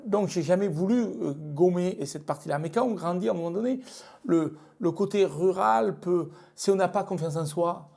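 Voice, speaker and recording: A man's voice: sits high, normal speed, gravelly, darkish tone. A middle-aged man from Lozère with a singsong southern French accent, speaking frankly in an interview with many fillers and restarts. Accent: southern French (Midi). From France, Lozère. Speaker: guest, business leader. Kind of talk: casual interview talk.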